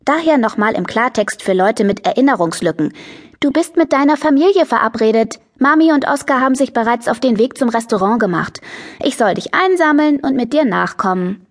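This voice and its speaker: A sharp-tongued little girl, put on by a woman reading an audiobook, snapping and mocking in a raised, pushed-up voice. She sounds bossy and condescending, a touch husky. It plays as a storybook character voice. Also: fairly high pitch, lively intonation, a little fast. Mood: snippy.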